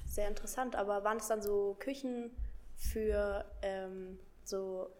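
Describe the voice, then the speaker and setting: A woman's voice: medium pitch, fairly even intonation, unhurried, dark tone. Young woman doing a casual school interview, mid voice, kinda hesitant w lots of ums.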